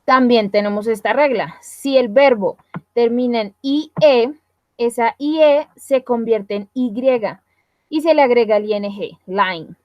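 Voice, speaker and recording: A woman's voice: a little high, unhurried, dry recording, dull audio. A woman who teaches an online English grammar lesson, explaining step by step and checking in with "¿listo?" and "¿sí?".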